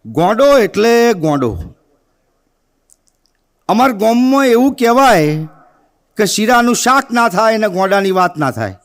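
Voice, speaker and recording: A man with a reciting poetry at a poetry gathering, chanting verses slowly and then telling a comic tale with quoted dialogue. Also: high voice, sing-song.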